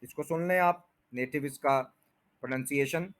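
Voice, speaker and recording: A man's voice: on the high side, normal speed. A man teaching English pronunciation, patiently repeating each word and stretching its syllables. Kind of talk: pronunciation lesson explained in Urdu/Hindi.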